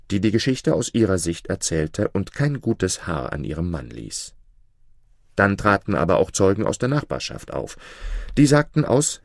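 Deep guy reading a fairy tale, very lively up and down, dry close sound. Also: creaky, dry recording. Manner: expressive, varied intonation. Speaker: storyteller. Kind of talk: read-aloud fairy tale narration.

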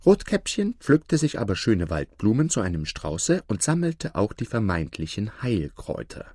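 Expressive male fairy-tale narrator. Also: fairly low pitch, moderate pace, husky, no echo, studio quality. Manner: expressive, dramatic storytelling. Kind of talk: storybook narration.

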